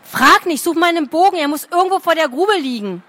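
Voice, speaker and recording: A woman's voice: very high voice, animated, brisk, pushed and bright, no room sound, voice pushed up, full character voice. A woman reading a storybook aloud, voicing an impatient, bossy young female archer who snaps at everyone. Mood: impatient, snapping. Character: sharp-tongued bossy young female archer of a magical folk.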